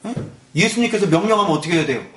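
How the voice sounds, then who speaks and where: A man's voice: high-pitched, expressive, very fast, a bit bright, roomy sound. A male pastor giving a Sunday morning sermon in a church, firing rhetorical questions at the congregation. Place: church sanctuary.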